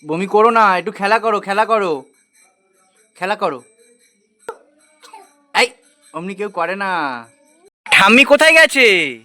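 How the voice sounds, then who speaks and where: With faint music behind him, a young vlogger from West Bengal speaks in a high, sharp voice, a little slowly and with long pauses. He's chatting through a casual daily-life video on a handheld phone, coaxing his little daughter at a rainy village home, partly outdoors.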